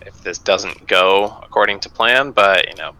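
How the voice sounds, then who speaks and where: Deep-voiced, bright-toned hesitant gamer man. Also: moderate pace, poor audio. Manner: hesitant, filler-heavy. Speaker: player. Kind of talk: casual tabletop game talk.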